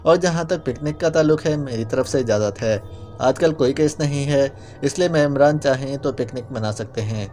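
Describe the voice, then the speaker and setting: A man's voice: mid-range voice, darkish tone, close to an everyday voice. A man doing a harsh cold spy chief. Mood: stern. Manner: harsh, curt. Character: stern cold male spy chief on phone.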